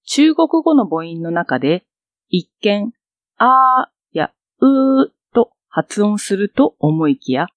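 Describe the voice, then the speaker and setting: A woman teacher narrating a scripted pronunciation lesson in an explanatory, clearly paced way. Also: mid-range voice, no echo. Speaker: language teacher.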